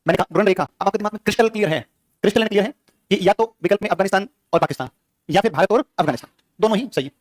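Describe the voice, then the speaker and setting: Rapid-fire man teaching a class. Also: sits high, dry recording. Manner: quizzes students with rapid questions. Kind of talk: classroom lecture.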